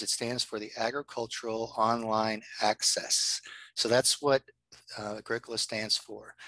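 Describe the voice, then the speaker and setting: A man's voice: mid-range voice, pushed and bright, dry recording, poor audio. A man, a university librarian, giving a chatty workshop presentation over a video call from his home office, with frequent ums and uhs.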